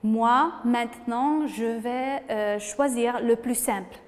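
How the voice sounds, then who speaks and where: A female teacher gives a slow, careful lesson, spelling endings out letter by letter and pausing often between words. Her voice sits fairly high, and a long reverb hangs around it. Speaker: French teacher. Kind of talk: slow, patient language lesson. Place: room with a board.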